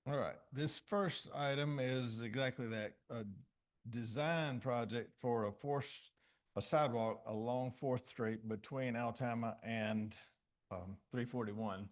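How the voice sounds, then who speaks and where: A man, a city director, methodically presenting a project report at a public commission meeting with frequent pauses. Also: mid-range voice.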